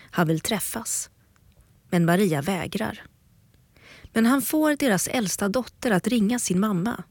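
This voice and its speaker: A woman narrating a documentary in a calm, measured storytelling voice. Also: medium pitch, no room sound. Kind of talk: scripted narration.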